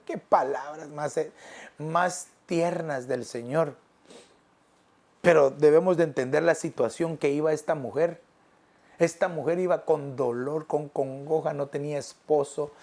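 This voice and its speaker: A male pastor preaching a sermon in an earnest, pastoral way, stretching phrases out slowly and dropping soft and low. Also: vocal fry. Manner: earnest, pastoral, addressing listeners as brother.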